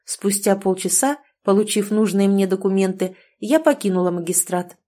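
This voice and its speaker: A woman narrating a novel in the first person, with an expressive, lively delivery. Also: mid-range voice, moderate pace. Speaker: audiobook narrator.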